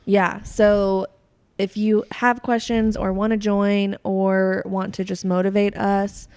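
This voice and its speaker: A woman's voice: mid-range voice, flat delivery, slow pace, a little mellow, clean tone. Chatty young woman co-hosting a podcast. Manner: chatty, giggly, trails off with fillers. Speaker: podcast co-host. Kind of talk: casual chat.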